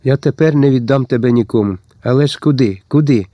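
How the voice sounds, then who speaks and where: A man's voice: medium pitch, a little fast, dry recording, muffled recording, lightly acted. A man voicing a Cossack otaman who speaks firmly and with command. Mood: tender. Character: stern Cossack otaman, young male leader.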